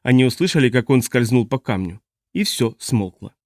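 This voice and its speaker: Steady male audiobook narrator, dry sound. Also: medium pitch, dry recording. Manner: measured, steady storytelling. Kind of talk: scripted narration.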